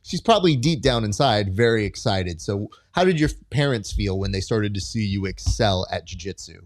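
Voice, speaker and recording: A man's voice: lowish voice, animated, normal speed. A man hosting an interview, asking questions in a chatty, joking way. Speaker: podcast host, interviewer. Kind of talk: conversational interview.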